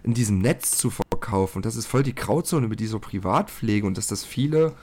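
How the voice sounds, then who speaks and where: A man's voice: on the low side, lively intonation, a little fast, darkish tone, slight background noise. A man casually telling a personal story on a podcast, chatty and colloquial. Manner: chatty, colloquial, often says "halt" and "so".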